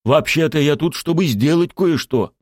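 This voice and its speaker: A man's voice: fairly high pitch, normal speed, dry recording, clean studio sound, voice pushed up, lightly acted. A man voicing a blunt, grumpy man who joins a protest reluctantly. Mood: grumbling. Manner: grumbling, blunt.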